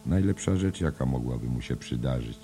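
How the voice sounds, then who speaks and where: A man voicing a kindly middle-aged man looking after a drunk friend, gentle and murmuring to himself. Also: rumbling low, animated, fairly quick, a little hiss or hum. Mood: concerned.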